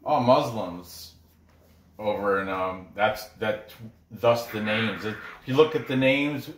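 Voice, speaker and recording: Slowly and in a mid-range voice, a betting-picks host rambles casually about fights, regularly cutting into their own remarks. They were born in Korea and raised in New York. The audio carries echo and noise from the room.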